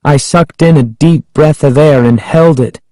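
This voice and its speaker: A man reading a children's horror book aloud in the first person, slow and suspenseful with dramatic emphasis. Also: fairly high pitch, warm tone, no echo. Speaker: audiobook reader.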